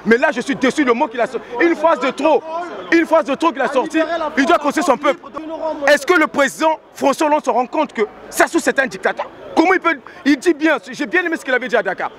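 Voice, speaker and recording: A man's voice: extremely high pitch, quick pace, a bit bright. A male protester in a street interview, speaking indignantly and repeating himself. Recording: outdoor street crowd.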